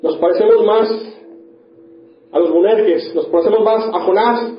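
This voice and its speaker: A man's voice: high voice, unhurried, faint music behind. A man preaching a sermon in a church hall, firing off rhetorical questions and working up to mock indignation. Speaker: pastor. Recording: echoey room, dull lo-fi sound.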